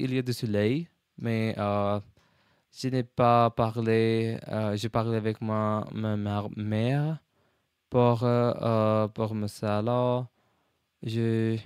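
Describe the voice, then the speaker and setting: A man with a fairly low, very smooth voice records a casual practice vlog in a dry setting. He is a learner whose French has a foreign accent, and he feels his way haltingly from word to word. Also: a little mellow, dry recording. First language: not French, a learner. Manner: halting, searching for words, switching between English and French. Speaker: language learner, video host.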